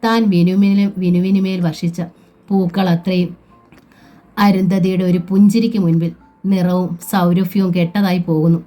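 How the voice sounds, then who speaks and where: A woman reading a family novel aloud in a steady, measured storytelling voice. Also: on the low side, soft background music. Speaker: narrator.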